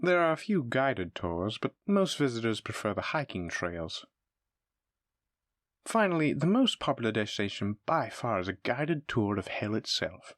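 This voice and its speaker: This scripted roleplay has a man voicing an eager, polite demon hotel clerk and smooth salesman, who addresses the listener with formal, lavish hospitality. His mid-range, fairly bright voice is very animated at a normal speed, cheerful and informative, in studio quality with no echo.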